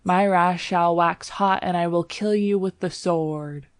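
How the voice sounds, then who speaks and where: A woman's voice: steady tone, no room sound, clean studio sound, natural voice. A woman doing a bellowing nasal preacher. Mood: booming. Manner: slow, booming, nasal, rolled R's.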